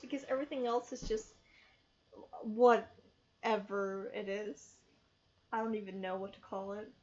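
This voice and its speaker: Young woman, casual review chat, animated, high-pitched, muffled recording. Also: quick pace. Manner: animated, emphatic rhetorical questions. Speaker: film review co-host. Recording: dull lo-fi sound.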